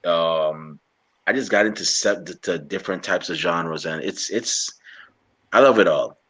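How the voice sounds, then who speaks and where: A young man from Guyana interviewing a guest in a relaxed, rambling way, often restarting his sentences. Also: deep voice, breathy edge. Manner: rambling, halting with many restarts. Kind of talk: casual interview chat.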